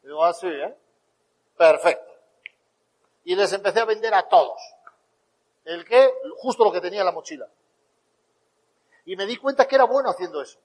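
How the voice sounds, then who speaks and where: A man with a Spain Spanish accent giving a motivational talk, telling animated stories and acting out the dialogue. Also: sits high, fairly quick, long pauses, in a large hall, rough recording. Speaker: motivational speaker.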